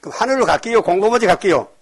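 Very fast and with lively intonation, this high-sitting male voice belongs to a pastor preaching emphatically. He peppers the congregation with rhetorical questions, alternating loud exhortations with hushed asides.

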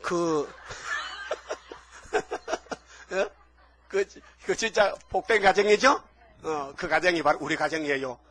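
A man with a fairly high voice delivers an animated sermon. He keeps asking his listeners quick questions, now soft and low, now suddenly loud. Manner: animated preaching, frequent rhetorical questions to congregation. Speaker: pastor.

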